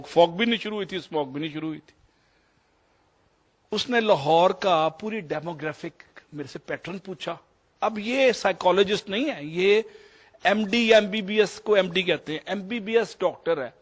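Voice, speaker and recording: Pakistani man, fifties, slightly high voice, digressive storyteller mixing in English. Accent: Pakistani Urdu. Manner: anecdotal, digressive, mixes English phrases. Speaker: doctor sharing experiences. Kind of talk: storytelling talk.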